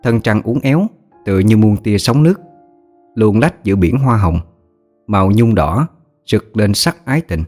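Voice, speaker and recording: A man tells a first-person story, lingering on vivid description. His voice sits fairly low. Faint music runs quietly behind him. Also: expressive, moderate pace, long pauses. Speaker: narrator.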